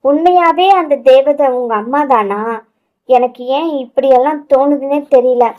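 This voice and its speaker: A woman doing a shy young wife, halting and unsure, high voice, audio romance. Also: highs cut off, lightly acted. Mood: hesitant, pleading. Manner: hesitant, stammering.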